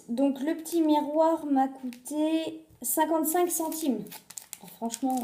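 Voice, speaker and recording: A woman's voice: high voice, mellow, echoey room, a little hiss or hum. A woman showing her shopping finds in a casual haul vlog, chatty and hesitant, with many fillers and restarts, filmed on a phone resting on a glass. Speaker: beauty and shopping vlogger. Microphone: phone on a glass on a table.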